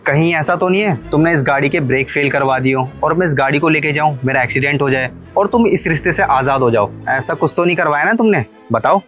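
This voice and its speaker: An earnest young husband in a cartoon story, voiced by a man, pressing his wife with questions and growing suspicious. His voice sits a little high, with quiet music running underneath. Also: fairly quick, hardly any pauses, natural voice. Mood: accusing. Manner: pleading, questioning, accusing. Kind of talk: Hindi cartoon story dubbing.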